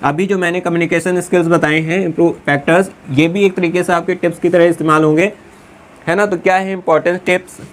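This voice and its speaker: A man teaches a class, dictating points word by word and checking in with "है ना" after nearly every phrase. His lecture mixes explanation with slow dictation. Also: high-pitched, steady tone, slight background noise. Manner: dictates slowly word by word, asks "है ना" and "clear" often.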